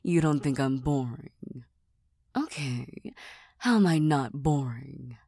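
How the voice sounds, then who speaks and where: Breathy low cat-girl, ASMR role-play by a woman. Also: slow pace, no room sound, studio quality, exaggerated voice. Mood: self-deprecating, hesitant. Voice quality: soft, breathy. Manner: deadpan, gently teasing, hesitant. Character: tired, serious, self-deprecating young cat-girl best friend.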